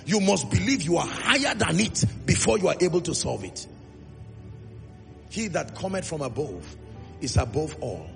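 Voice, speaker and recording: A Nigerian preacher's voice sits high with a creaky texture. He delivers his sermon emphatically, calling to the congregation for responses and stretching key phrases, while music sounds in the reverberant hall.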